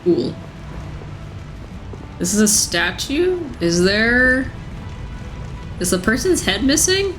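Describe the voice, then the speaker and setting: A woman streaming her playthrough of a video game, chatting casually and joking at herself, with a voice a little rough from being sick. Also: fairly high pitch, big pitch swings, slow pace, pauses often, a bit bright, faint music behind. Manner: chatty, self-mocking, laughs often. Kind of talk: casual let's-play commentary.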